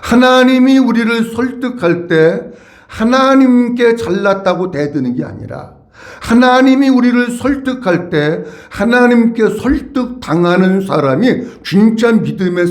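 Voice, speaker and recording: A male pastor preaches in a church, his voice pitched high for a man and swinging widely up and down. He tells the story expressively and has the congregation repeat key phrases back to him. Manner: leads the congregation in call-and-response repetitions; expressive storytelling, acting out quotes. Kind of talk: sermon. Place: church sanctuary.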